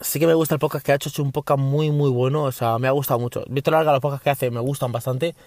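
A Spanish man hosts a casual podcast from his parked car, rambling along with frequent restarts and some mild swearing. His mid-range voice is a little mellow and fairly even in intonation, and he talks fast in a clean recording with no echo.

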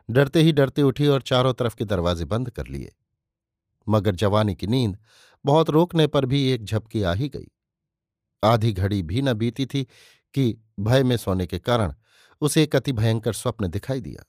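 A man reading a literary story aloud in measured, scripted narration. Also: fairly low pitch, a little mellow, dry recording, clean studio sound.

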